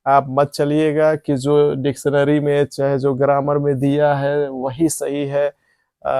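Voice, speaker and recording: Guy teaching english at a board, kinda high voice, asks then answers himself, dry mic. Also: mellow, clean tone, no echo. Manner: asks questions and answers them himself, repetitive. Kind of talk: classroom lesson at a board.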